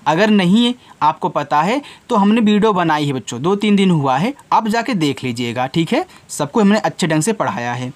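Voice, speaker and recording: A man teaching children, spelling out words letter by letter and answering his own questions. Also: high voice. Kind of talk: spelling and explaining lesson.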